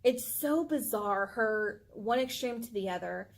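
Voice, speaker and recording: Gushing over her pet, this vlog co-host keeps the chat casual and packed with "like" fillers. She speaks expressively and a bit slowly, in a fairly high, gravelly voice.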